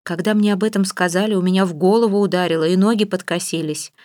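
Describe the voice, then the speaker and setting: A woman's voice: fairly low pitch, steady tone, quick pace, a little mellow, no echo, clean studio sound, lightly acted. A woman reading an audiobook, voicing a stern, fussy middle-aged mother who scolds and gives orders. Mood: scolding. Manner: scolding, bossy. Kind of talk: audiobook character voice.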